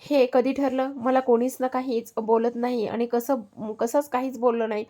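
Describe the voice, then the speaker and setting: A woman's voice: on the high side, flat delivery, normal speed, warm tone, lightly acted. A woman voicing a worried, sulky young woman about to be married, in a spoken story. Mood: anxious.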